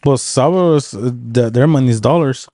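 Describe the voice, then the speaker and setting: A man's voice: medium pitch, moderate pace, dark tone, dry recording, clean studio sound. A laid-back young man from Long Beach, co-hosting a casual podcast and cracking wisecracks. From Long Beach, California. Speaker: podcast co-host.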